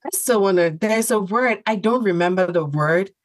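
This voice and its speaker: Recorded without echo, a medium-pitched woman speaks at a normal speed. English isn't her first language, and as a podcast co-host she keeps the chat relaxed and thoughtful, often using fillers and starting over.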